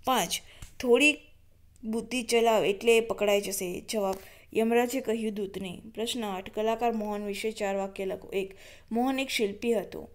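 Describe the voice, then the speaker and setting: A woman's voice: a little high, moderate pace. A woman teacher reading out workbook questions and answers one by one. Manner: steady question-and-answer reading, numbering each item.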